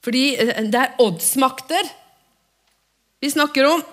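A woman preaching a sermon and praying aloud, fervent, swinging between loud exhortation and hushed whispers. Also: sits high. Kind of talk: sermon with spoken prayer. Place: church.

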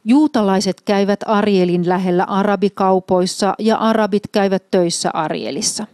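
A woman from Finland reading a scripted documentary voice-over in a calm, measured way. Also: medium pitch, dry recording, clean studio sound. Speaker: narrator.

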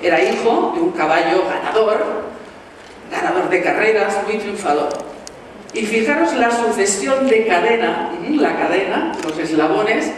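A woman's voice: mid-range voice, a little slow, a little hiss or hum. A woman from Valencia with a Valencian Spanish accent, giving a motivational talk and firing rhetorical questions at her audience. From Valencia, Spain. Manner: lively, rhetorical questions, addresses the audience directly. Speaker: motivational speaker. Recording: echoey hall, mic from far off.

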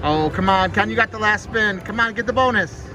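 A man hosting a slot machine video with excited live commentary, exclaiming and repeating his phrases. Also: high-pitched, brisk. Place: indoors on a casino floor. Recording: loud music over voice, casino floor. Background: loud slot machine music.

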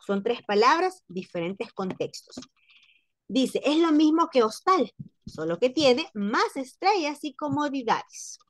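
A woman teaching a French class online, speaking slowly and repeating each word to model its pronunciation. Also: sits high, very animated, a little hiss or hum.

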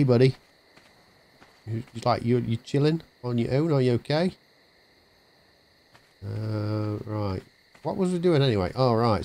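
A game streamer with a medium-pitched, slightly mellow voice chats casually with viewers as he plays live from his home setup. His desk mic runs through a mixer.

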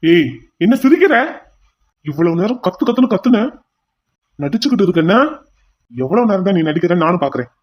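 A man's voice: high-pitched, very animated, brisk, pauses often, darkish tone. A man voicing a cruel male kidnapper in a cartoon drama, taunting and threatening his captive with mocking questions.

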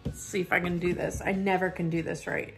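A woman's voice: fairly low pitch, level tone, brisk, faint music behind. A young woman chatting casually as she unboxes and tries out makeup, musing aloud with plenty of fillers. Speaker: beauty vlogger reviewing a subscription box. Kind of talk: casual chat.

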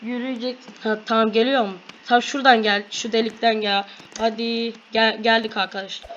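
A woman hosting a gaming video, giving excited play-by-play to her viewers and shouting quick commands during fights. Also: fairly high pitch, dull audio. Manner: addresses viewers constantly. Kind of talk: excited gameplay commentary. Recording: loud background noise.

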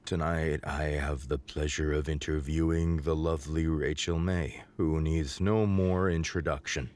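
A man doing a low mumbling talk-show host. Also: lively intonation, fairly quick. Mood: deadpan mumble. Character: awkward gross male talk-show host.

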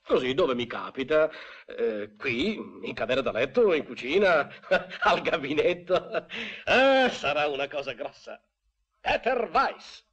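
A man's voice: fairly high pitch, very animated, takes it slowly, breathy edge, exaggerated voice. A man playing a flamboyant, vain middle-aged writer who talks in a theatrical, effusive way. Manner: theatrical, effusive, swings from hushed to exclaiming. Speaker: eccentric writer and professor. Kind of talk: 1960s Italian film dub.

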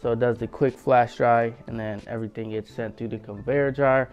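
A young man gives a casual walkthrough of his home basement screen-printing shop, explaining each room in a relaxed way on a lapel mic. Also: medium pitch, moderate pace, smooth, dull audio. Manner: relaxed, explanatory, leans on fillers like "game changer". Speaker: small business owner giving a shop tour.

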